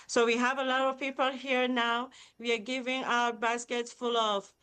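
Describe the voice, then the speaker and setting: This Central African charity founder and CEO, a middle-aged woman from Cameroon, sounds upbeat and enthusiastic as a guest in a live interview. She talks at normal speed in a slightly high, bright, forceful voice with a clean tone and little pitch movement.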